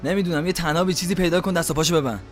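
A man's voice: fairly high pitch, faint music behind, lightly acted. Menacing, bossy robber played by a man. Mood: commanding. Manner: barking orders, cursing. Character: menacing male robber, bossy, foul-tempered. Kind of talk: dramatic audio drama acting.

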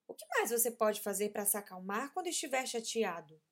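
A woman voicing a patient, gentle mother in a children's story, speaking in a soothing, coaxing way. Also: on the high side, very animated, a little fast.

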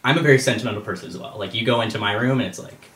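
A man's voice: on the low side, very fast, a bit bright. A young man in his early twenties, a musician guest chatting casually in a rambling way full of fillers. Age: young adult. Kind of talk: casual chat. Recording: echoey room.

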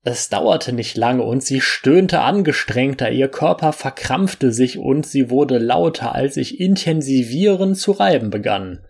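A man narrating a first-person story as an audiobook, reading in an unhurried way with small slips and restarts. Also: medium pitch, animated, vocal fry, a little mellow, slightly rough.

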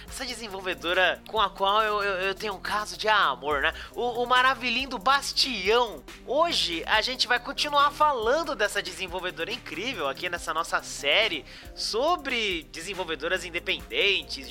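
A man's voice: high-pitched, pushed and bright. A Brazilian man hosting a podcast in an informal, enthusiastic, slangy chat style. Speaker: podcast host. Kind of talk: casual chat, animated podcast introduction and discussion.

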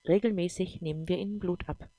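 A woman reading a calm, patient man. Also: on the low side, fast talker, no echo, lightly acted. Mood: patient, explaining. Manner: patient, explanatory. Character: calm adult man explaining his world.

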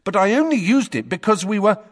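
A man's voice: high-pitched, wildly swooping pitch, unhurried, a bit bright, big-room sound, voice pushed up, full character voice. A man voicing an impatient, desperate fifteen-year-old boy on trial. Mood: urgent. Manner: insistent, urgent.

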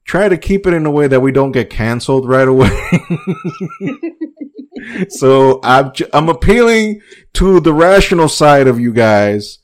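A man's voice: medium pitch, a little slow, pauses often. A man hosting a casual wrestling podcast, ranting with lots of swearing and some words. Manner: profane, animated ranting. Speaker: podcast host.

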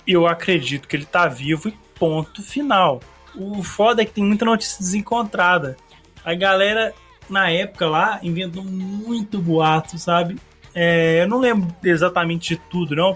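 A slightly hoarse man hosts a casual solo podcast. He rambles in a slangy, chatty way, his voice sitting a little high. A song plays faintly in the background. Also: fairly bright tone. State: a bit hoarse. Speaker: podcast host. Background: faint song playing.

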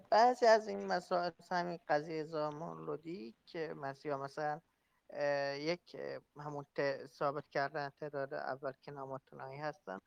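A man's voice: on the high side, gravelly, dull audio, slight background noise. A man taking part in a group discussion, speaking tentatively with hesitations. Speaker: participant. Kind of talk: casual discussion.

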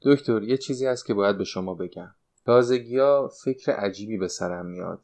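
Guy reading an anxious old lady, a retired dancer, low voice, telling her dreams in an audiobook. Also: darkish tone, natural voice. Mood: confiding. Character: anxious 69-year-old woman, former stage dancer.

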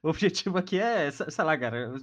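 A man's voice: fairly high pitch, lively intonation, quick pace, a bit bright. A man with a Brazilian accent hosting a podcast in a casual, chatty style. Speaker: podcast host.

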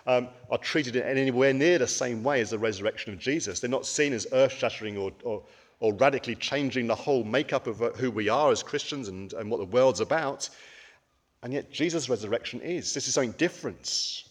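A man's voice: mid-range voice, brisk, in a large hall. A man giving a conversational sermon, with frequent ums and rhetorical questions. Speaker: preacher.

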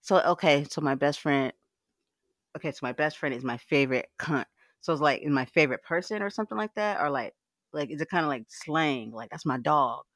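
A woman's voice: low voice, animated, a little fast, no echo. A woman hosting a casual live audio chat, frank and swearing freely, laughing often. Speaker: livecast host.

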